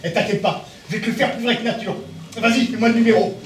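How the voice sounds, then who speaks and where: A man's voice: very high-pitched, fast talker, slight background noise. A man playing a pompous fake doctor. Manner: pompous and self-important. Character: boastful man faking a pompous doctor on the phone. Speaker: actor in the play. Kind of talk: amateur stage play. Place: theatre stage. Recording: echoey hall from far off.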